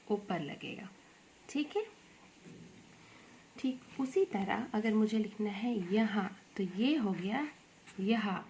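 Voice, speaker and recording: A woman teaching Hindi grammar to young children, slowly repeating words and asking questions to the class. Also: medium pitch, mellow, a little hiss or hum. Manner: slow, repeats words and asks questions to the pupils.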